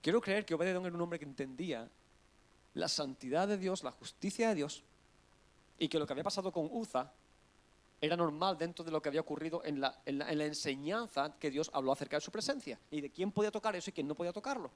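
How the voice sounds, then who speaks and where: High-voiced animated male pastor. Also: fast. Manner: animated, acts out scenes, then drops to soft earnest prayer. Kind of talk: sermon.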